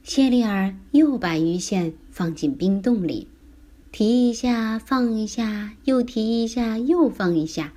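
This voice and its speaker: Slow, expressive woman reading a children's story. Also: fairly high pitch. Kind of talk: reading a picture book aloud to children.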